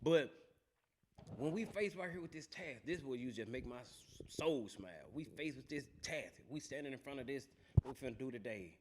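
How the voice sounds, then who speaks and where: A man hosting a casual talk show, telling stories loudly and with animation, in heavy Southern slang. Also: medium pitch, expressive, fairly quick, background noise. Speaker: host.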